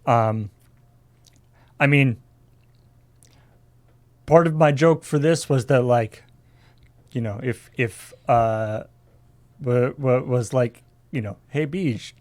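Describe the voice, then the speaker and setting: A man co-hosting a relaxed talk show. He speaks haltingly with frequent fillers and drops dry jokes along the way. His pitch sits in a middle range for a man. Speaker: co-host. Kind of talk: casual discussion.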